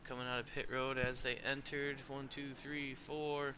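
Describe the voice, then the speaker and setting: A tired man giving play-by-play commentary on a sim race, steady in his calls and rising when the racing gets close. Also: mid-range voice, moderate pace, a little hiss or hum. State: tired, yawning.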